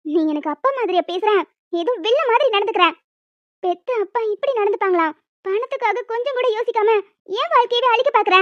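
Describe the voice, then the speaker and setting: A woman's voice: very high-pitched, lively intonation, a little fast, no echo. A woman voicing a young woman in a cartoon who pleads and confesses with earnest emotion, in a dry, dull lo-fi recording. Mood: indignant. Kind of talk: amateur cartoon voice acting.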